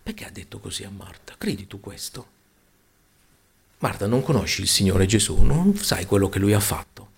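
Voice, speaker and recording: A man preaching a sermon, swinging between loud exclamations and hushed, near-whispered lines. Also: lowish voice, lively intonation, fairly quick, creaky, hardly any pauses, breathy edge.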